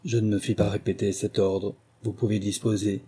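Husky, mellow male narrator. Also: lowish voice, little pitch movement, normal speed. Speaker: audiobook narrator. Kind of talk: scripted narration of a novel.

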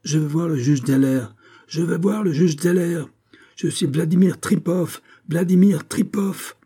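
A man reading an audiobook, voicing a furious bearded Russian policeman who shouts and repeats himself. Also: mid-range voice, normal speed, slightly rough, natural voice. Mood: furious shouting. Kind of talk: audiobook character voice.

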